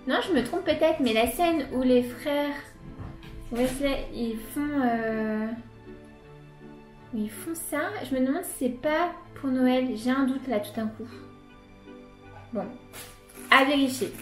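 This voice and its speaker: A fairly high-voiced woman chats eagerly as she unboxes gifts, full of little fillers and happy exclamations. Her voice rings in a roomy, echoey space. Soft music plays quietly behind her. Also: slow pace, long pauses. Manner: chatty and enthusiastic, many fillers. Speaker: unboxing vlogger. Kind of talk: casual unboxing chat. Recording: echoey room with light music.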